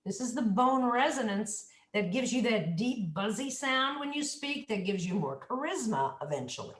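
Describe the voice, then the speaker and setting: A woman's voice: a little high, animated, normal speed, echoey room, low-quality recording. A woman speech coach giving an instructive, demonstrative lesson on voice, speaking without a microphone.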